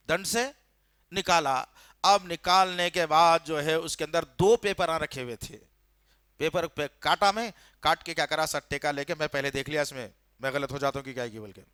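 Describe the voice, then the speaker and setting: A man preaches a sermon in a slightly high, sharp, clean voice, recorded in a clean studio with no room sound. He tells the story with fervour and indignation and puts questions straight to his listeners.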